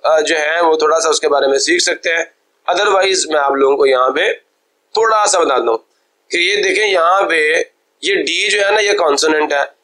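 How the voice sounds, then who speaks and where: A young man teaching a software tutorial, explaining step by step, slipping English terms into his speech and often checking that viewers follow. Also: fairly high pitch. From Pakistan. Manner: mixes English terms into Hindi-Urdu speech; polite, deferential address to viewers. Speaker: computer teacher. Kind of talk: screen-recorded software tutorial.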